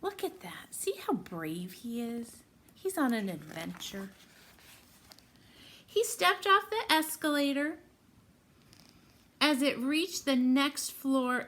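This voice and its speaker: A woman with a fairly high, animated and slightly bright voice reads a storybook aloud to young children, taking her time. As a read-aloud presenter, she encourages them and asks them questions directly, as if they were her friends.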